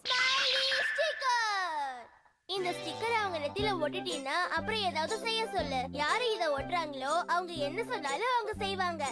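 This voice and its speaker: A woman's voice: very high voice, animated, brisk, hardly any pauses. A woman voicing a fussy, helpful male robot cat in a dubbed cartoon, with exasperated complaints. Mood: puzzled. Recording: cartoon music underneath.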